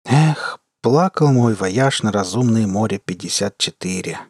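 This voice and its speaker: A man's voice: mid-range voice, steady tone, moderate pace, a little mellow, no echo, clean studio sound, close to an everyday voice. A man voicing a glum, helpful male centaur crewman who speaks in a sighing, matter-of-fact way, in an audiobook reading. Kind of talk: audiobook character voice.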